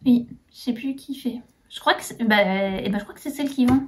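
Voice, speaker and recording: A woman's voice: high voice, a little fast, distant mic, slight background noise. Hesitant woman, slightly off-mic. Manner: hesitant, many fillers and trailing off. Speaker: podcast co-host. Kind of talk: casual chat.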